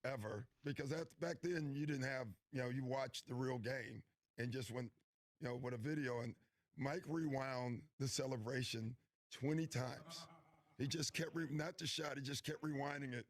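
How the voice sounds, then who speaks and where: A man's voice: mid-range voice, normal speed. A man who used to play pro basketball, telling a story to a talk show host and chuckling along. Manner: chatty storyteller, laughing as he recalls. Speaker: former basketball player, talk show guest.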